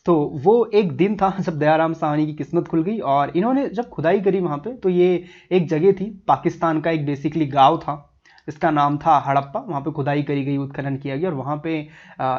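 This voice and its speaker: Chatty male history teacher, lo-fi. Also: fairly high pitch. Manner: casual, chatty, talks straight to the viewer. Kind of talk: explaining a history lesson over a map.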